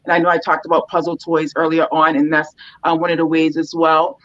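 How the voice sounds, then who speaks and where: A dog trainer talks in a loose, conversational way at an average pitch, filling the pauses with ums and you-knows. The sound is a little dull and lo-fi. The tone stays explanatory and relaxed, like walking a client through a plan. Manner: loose, with many "um"s and "you know"s. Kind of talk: casual explanatory interview talk.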